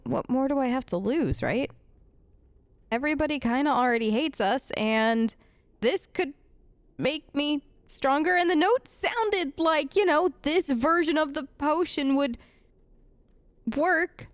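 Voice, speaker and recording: A woman with a high voice, recorded with no echo, hosts a let's play of a role-play game. She talks casually in character, hesitant and playfully sarcastic in a conversational way.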